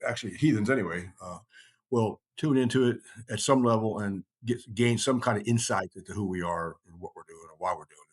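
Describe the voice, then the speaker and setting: In casual conversation, a middle-aged man from the United States rambles with emphasis, repeating phrases for stress. His voice sits on the low side, brisk and with a breathy edge.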